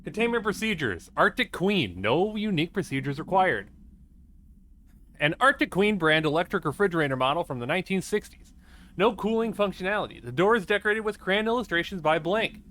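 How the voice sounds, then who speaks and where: Bright-voiced male streamer reading game files. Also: high voice, animated, a little fast, a little hiss or hum. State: out of breath. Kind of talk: live game stream, reading documents aloud.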